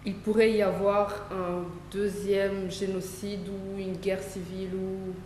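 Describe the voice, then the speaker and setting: A woman interviewer with a mellow, warm tone puts her questions carefully, pausing on small fillers. Her voice carries a noticeable room echo and a faint hum. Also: mid-range voice, little pitch movement. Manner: measured questioning with hesitations.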